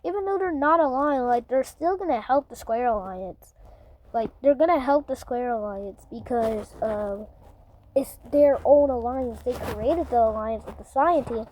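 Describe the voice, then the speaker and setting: High-voiced woman, casual map commentary, rambling, slangy, playful. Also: unhurried, darkish tone, slight background noise, rough recording. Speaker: mapping channel narrator.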